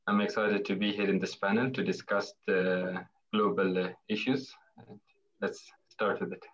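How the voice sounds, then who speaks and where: A man's voice: low-pitched, flat delivery, moderate pace, a bit bright, muffled recording. A man from Tanzania, a student panelist, introducing himself with slight hesitation.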